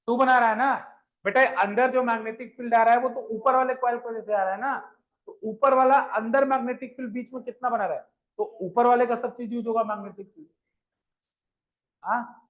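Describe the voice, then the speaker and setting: A male physics teacher lecturing a live class, asking questions, repeating them, and coaxing his students along as children. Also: very high voice. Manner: addresses students fondly as children. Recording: dull lo-fi sound.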